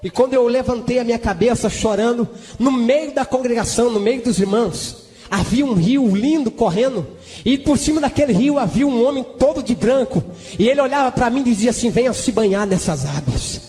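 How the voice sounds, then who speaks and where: Very high-voiced male preacher, fervent. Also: brisk. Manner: fervent storytelling with sudden shouted exclamations; breaks into tongues between sentences. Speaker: preacher giving a testimony. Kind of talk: sermon testimony. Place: church hall. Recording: echoey church hall with music behind.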